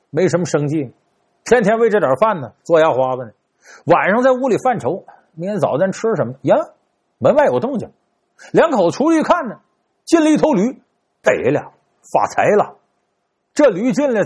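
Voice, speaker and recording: Husky man with wildly swinging pitch. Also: darkish tone. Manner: dramatic, rhetorical questions, big pitch swings. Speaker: storyteller. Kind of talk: traditional folk storytelling.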